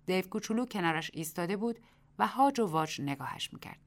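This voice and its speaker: Woman narrating a story, low voice. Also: lively intonation. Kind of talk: dramatic story reading.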